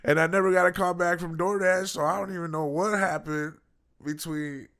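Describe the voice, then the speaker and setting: A man's voice: high-pitched, fairly even intonation, normal speed, a bit bright. Chatty laughing man telling a story. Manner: chatty, laughs often, tags lines with "right?". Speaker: food delivery driver. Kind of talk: casual storytelling vlog.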